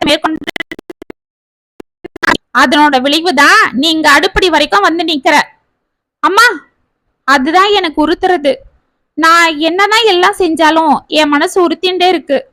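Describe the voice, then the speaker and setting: A woman voicing a gentle young woman who pleads and confesses in a spoken family story. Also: extremely high pitch, no echo.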